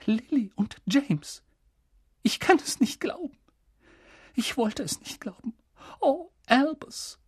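A reader voicing a stern older female witch professor, high-pitched and urgent, with a husky edge. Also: sing-song, normal speed, no room sound, clean studio sound. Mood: shaken. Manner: urgent, pressing, high and insistent.

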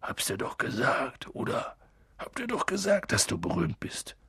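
A man voicing a huge good-natured gamekeeper, low and gruff, clipping his words. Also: wildly swooping pitch, normal speed, pushed and bright, dry recording, clean studio sound, exaggerated voice. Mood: confiding.

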